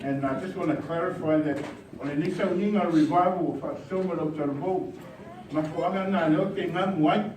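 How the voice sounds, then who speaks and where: A high-voiced male pastor whose first language is Samoan preaches a revival sermon with bilingual asides in a church hall, at a moderate pace. He swings from soft remarks to shouted, rousing exhortation, sounding distant from the mic amid ringing echo and steady background noise.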